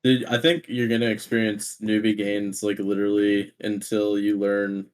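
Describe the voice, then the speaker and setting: Low-voiced man rambling on a podcast. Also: level tone, moderate pace, a little mellow, clear, resonant tone. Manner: rambling, restarts often, laughs easily. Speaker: podcast co-host. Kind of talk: casual chat.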